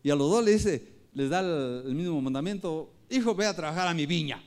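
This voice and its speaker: Man, preacher, lively swinging pitch, slightly high voice, sermon delivery. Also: a little fast, clean tone. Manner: addresses congregation as brothers and parents; quotes scripture with rising force.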